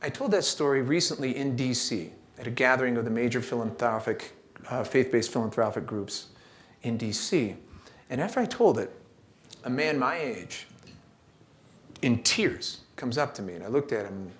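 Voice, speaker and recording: A man's voice: mid-range voice, moderate pace. Middle-aged male keynote speaker, easygoing and wry, storyteller who leans on "uh" and "so" between thoughts, mid-range voice. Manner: relaxed, joking, storytelling with frequent fillers. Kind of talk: conversational keynote talk with storytelling. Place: church event space.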